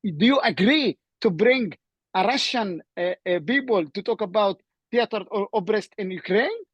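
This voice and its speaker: A man with a Palestinian Arabic accent argues with urgent insistence on a video call, often repeating his phrases for weight. His voice sits high for a man, and the sound is close and dry. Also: expressive, moderate pace, breathy edge, no echo, muffled recording. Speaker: seminar participant. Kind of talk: impassioned argument in online seminar.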